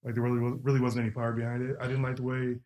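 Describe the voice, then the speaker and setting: A man's voice: medium pitch, monotone, darkish tone. A man co-hosting a podcast, chatting casually about films in a teasing, plainspoken way. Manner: teasing, plainspoken, quick-talking. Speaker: podcast co-host. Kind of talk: casual movie chat.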